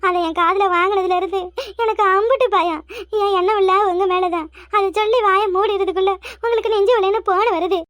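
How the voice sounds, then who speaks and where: A woman's voice: extremely high pitch, brisk, a bit bright, dry recording. A woman voicing a tearful, pregnant young daughter-in-law in a cartoon, speaking with a Kanyakumari Tamil accent in a wailing, pleading manner. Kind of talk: cartoon voice acting.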